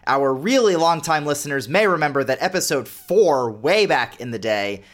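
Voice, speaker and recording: A man's voice: medium pitch, fairly bright tone. A man in his thirties hosting his own solo podcast, talking in a chatty, self-deprecating, conversational way. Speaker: podcast host. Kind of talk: casual solo podcast monologue.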